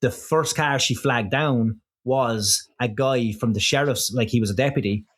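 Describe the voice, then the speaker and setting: A man's voice: medium pitch, unhurried. Guy cohost rambling and swearing, regular mid voice, casual podcast chat. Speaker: podcast co-host.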